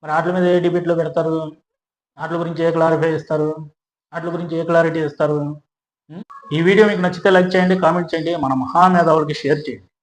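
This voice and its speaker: A man with a high-pitched voice delivers opinion commentary at a quick clip. He argues rhetorically, stacking repeated phrases for emphasis and checking in with the listener. The voice rings with an echoey room around it. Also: level tone. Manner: rhetorical, keeps asking listeners "hmm?". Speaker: social media commentator.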